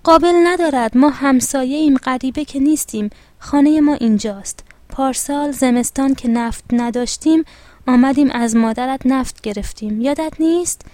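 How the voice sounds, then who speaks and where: A woman as a gentle, patient mother. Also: high-pitched, no echo, close to an everyday voice. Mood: coaxing. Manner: soothing, reassuring. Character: kind middle-aged mother, gentle and patient.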